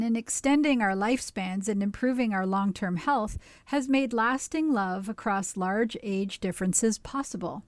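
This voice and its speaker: A woman reads newspaper columns aloud in a measured, steady way. Her voice sits at an ordinary middle pitch. The sound is close and dry, with no room around it. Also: no room sound. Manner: measured, even read-aloud delivery. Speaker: volunteer reader for a radio reading service.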